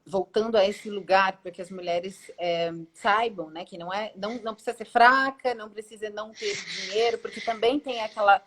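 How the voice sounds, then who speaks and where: A woman's voice: mid-range voice, steady tone, a little fast, hardly any pauses, a bit bright. A woman hosting an interview, talking reflectively and thinking aloud with hesitations. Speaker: interview host. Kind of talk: conversational interview.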